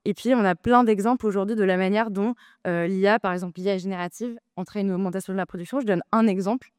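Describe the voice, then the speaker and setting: A woman's voice: medium pitch, steady tone, fast talker, darkish tone, clean tone, no room sound, studio quality. A woman arguing in a debate, hesitant with many filler sounds but insistent. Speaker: debate speaker, co-president of a data nonprofit. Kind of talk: debate argument.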